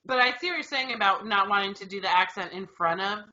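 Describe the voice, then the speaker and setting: Woman podcast co-host, crisp bright tone, chatty and casual. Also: medium pitch, quick pace. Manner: chatty, shares family anecdotes. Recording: slightly muffled podcast audio.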